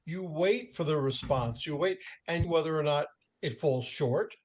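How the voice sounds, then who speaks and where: A man hosts an interview podcast, asking open questions and affirming his guest's points in a conversational way. He's a professional speaker, and his slightly high voice has an unhurried pace and a darkish tone.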